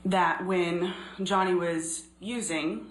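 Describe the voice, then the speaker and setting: A woman in her thirties giving measured, earnest courtroom testimony as a witness, pausing often. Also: on the low side, fairly even intonation. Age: 30s. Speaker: trial witness. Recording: echoey courtroom recording, faint noise.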